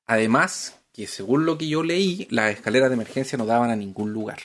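A man's voice: mid-range voice, a little fast, fairly bright tone. A man hosting a podcast, telling a historical story in casual chat, with many hesitations and restarts. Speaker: podcast host.

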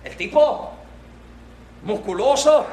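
A man preaching a sermon with a Puerto Rican accent, animated and acting out voices from the story. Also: extremely high pitch, takes it slowly. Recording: echoey room from a distance.

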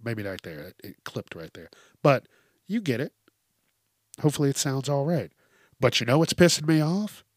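Very animated and medium-pitched, this solo podcast host talks at normal speed but leaves long pauses. Allergies have him congested as he delivers blunt, emphatic, profane rants in a casual way into a close hypercardioid mic, with no room sound.

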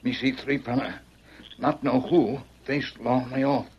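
Tonto, husky, halting radio-western scout. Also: male voice, medium pitch, fairly even intonation. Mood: pained, halting. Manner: terse, broken English with grunts. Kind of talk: old-time radio western acting. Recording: muffled old radio recording.

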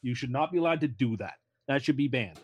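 Male podcast co-host, mid-pitched everyday voice, earnest and dogged. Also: lively intonation, fast, slightly rough, dull audio. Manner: earnest, stubborn in defending his picks. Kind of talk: casual banter.

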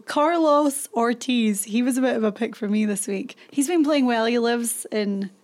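A woman co-hosting a laid-back golf-picks show, playful and quick to laugh. Her voice is a little higher than most women's. She rattles off names in an easy, chatty way. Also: a little mellow. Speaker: co-host. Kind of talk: casual golf-picks chat.

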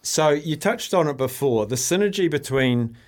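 A man's voice: on the high side, animated, moderate pace. A man hosting a casual sports radio interview in a chummy, informal way.

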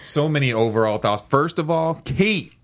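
Very deep-voiced woman co-host, lively. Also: moderate pace, slight background noise. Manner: expressive, exclaiming. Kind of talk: casual chat.

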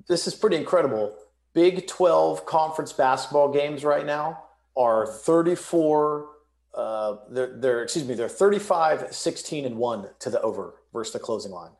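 A man's voice: medium pitch, a little mellow. Young man in a big echoey room. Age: young adult. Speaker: guest sports betting analyst. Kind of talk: casual podcast interview. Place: stripped-down home office, nearly empty room.

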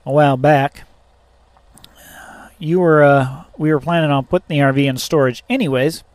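A truck driver telling a story in a casual vlog, rambling and profane, full of fillers and restarts. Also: male voice, on the high side, fairly even intonation, normal speed, dry recording.

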